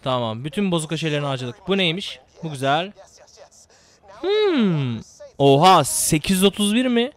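A young man giving casual, excitable gameplay commentary, swearing and repeating words rapidly. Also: a little high.

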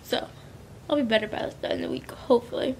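A woman's voice: on the high side, quick pace, a little hiss or hum. A young woman in her twenties chatting casually to camera while sick, her voice stuffy and nasal, rambling in slangy speech. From Florida. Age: 20s. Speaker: lifestyle vlogger. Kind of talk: casual vlog chat to camera.

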